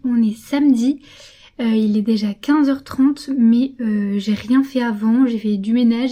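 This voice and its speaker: A young woman with a high, warm voice chats casually to her camera for a vlog while out and about in town, on a café terrace. She uses many fillers and repeats words.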